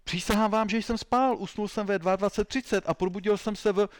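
A man's voice: fairly high pitch, expressive, no echo, clean studio sound, pitched above the performer's own voice. A man doing a whiny pleading suspect. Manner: whiny protesting innocence. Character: cornered pleading male suspect, timid.

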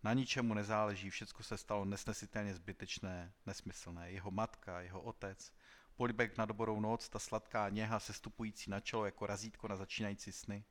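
A man reading a story aloud in a measured, serious voice. His voice sits on the lower side, steady and unhurried. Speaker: audiobook narrator. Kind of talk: scripted literary narration.

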